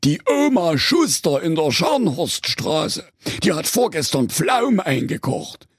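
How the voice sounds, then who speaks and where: A man's voice: a little high, very animated, takes it slowly, slightly rough, no echo, studio quality, pitched above the performer's own voice, full character voice. A man voicing a cunning male fox in a comic storybook tale, talking in a wheedling, persuasive way. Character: sly cunning male fox, smooth talker.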